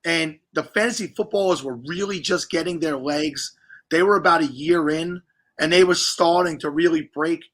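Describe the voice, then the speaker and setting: A middle-aged man talks loosely and at length as a livestream host, wandering through his points with jokey asides. His voice sits a little high and comes across bright and forceful. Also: moderate pace. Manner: chatty, rambling, jokey. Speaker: podcast host. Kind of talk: casual livestream chat.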